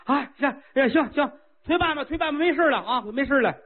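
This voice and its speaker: A man playing an impatient, lovesick old-time king. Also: a little fast. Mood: eager, impatient. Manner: eager, whiny, high-pitched pleading. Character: impatient, girl-crazy ancient king. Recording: tinny lo-fi phone-like sound.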